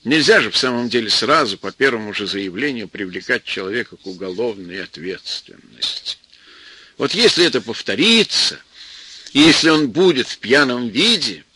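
A man reading an audiobook aloud, telling the story in a lively, expressive way. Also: medium pitch, moderate pace, a little hiss or hum. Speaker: audiobook reader. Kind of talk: scripted narration.

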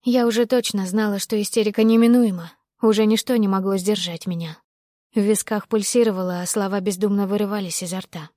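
A woman reads a first-person novel aloud with steady expression. Her voice sits at a middle pitch. The sound is close and dry, with no room echo. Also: brisk. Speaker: audiobook narrator.

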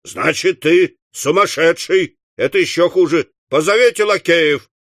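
A man's voice: fairly high pitch, measured pace, no room sound, studio quality, pitched above the performer's own voice. A man voicing an irascible, blustering old country squire in an audiobook, bellowing in fury. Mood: furious. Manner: loud, furious bellowing.

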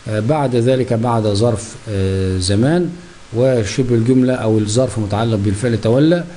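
A man with an Egyptian Arabic accent gives a grammar lesson at a brisk clip. His voice is dark and mellow. He keeps putting questions to the class and answering them himself. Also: medium pitch.

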